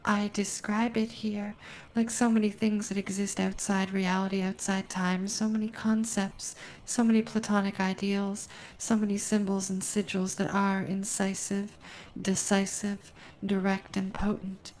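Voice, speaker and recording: A woman delivering a hypnotic, ASMR-like trance monologue in a slow, deliberate, soothing way, lingering on words, intimate and close as if right in the listener's ear. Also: medium pitch, flat delivery, a little mellow, slight background noise, rough recording. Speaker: hypnosis performer.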